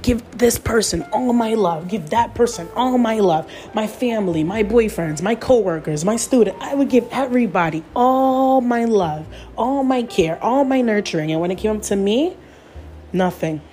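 A woman's voice: on the high side, expressive, moderate pace, warm tone, faint music behind. A young adult woman giving an earnest personal testimony as a spiritual speaker, repeating phrases for emphasis.

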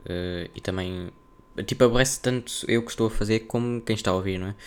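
A man's voice: fairly low pitch, quick pace, darkish tone, clean tone. A young man with a European Portuguese accent chatting casually on a solo podcast, rambling and slangy as he thinks aloud. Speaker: podcast host.

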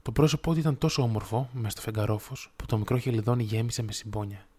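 A man reading a fairy tale aloud in a measured, steady storytelling manner. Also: mid-range voice, husky. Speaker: audiobook narrator.

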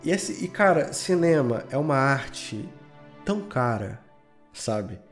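Very animated yet slow-spoken, this Brazilian man has a mid-range voice, and faint music plays behind him. He creates and edits audio dramas and is guesting on a podcast, chatting casually in an eager, slang-filled, rambling way.

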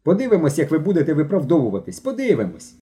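A male reader voicing a stern teenage boy who lectures two runaways in a lively, raised tone. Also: medium pitch, a little fast. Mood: scolding. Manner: lecturing, indignant. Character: stern teenage boy, troop leader, scolding.

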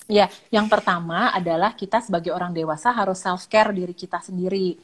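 A woman speaking as a child psychologist in a casual chat, animated, acting out parents' lines with lively intonation and mixing in English words. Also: fairly low pitch, a little fast, a little hiss or hum. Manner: mixes English words into speech. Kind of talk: casual live-stream chat.

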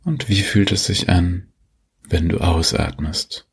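In a soft, husky, low voice, a male host guides a sleep meditation much like a sleep story narrator. He stays soothing and gentle, leaving long pauses.

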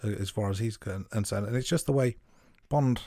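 A man co-hosting a podcast, giving measured, note-by-note commentary on a film. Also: on the low side, warm tone, no room sound, clean studio sound. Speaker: podcast co-host. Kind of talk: casual film review chat.

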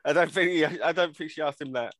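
A man's voice: on the high side, fast, a bit bright. A man co-hosting a casual podcast with short, dry remarks. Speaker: podcast co-host. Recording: dry close sound.

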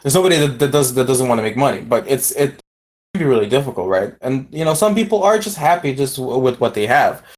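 A man's voice: mid-range voice, expressive, quick pace. A man with an Aruban accent reasoning things through in casual discussion, often repeating words as he starts a thought.

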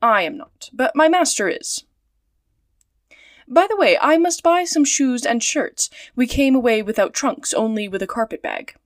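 A woman reads out a talkative French manservant in a storybook. He chatters eagerly and exclaims, his voice bright and leaping upward. Close and dry. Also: lively intonation, a little slow, no room sound. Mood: chatty. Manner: exclaiming, chatty, pitch jumping up.

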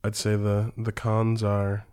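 A man's voice: lowish voice, monotone, slow, darkish tone, smooth. Sick man, casual podcast co-host.

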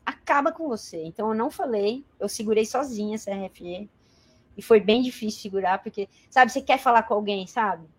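A woman in her forties from Brazil, telling a personal story as an interview guest in a colloquial, animated way. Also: medium pitch, a little fast, husky. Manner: animated, colloquial, acts out quoted voices.

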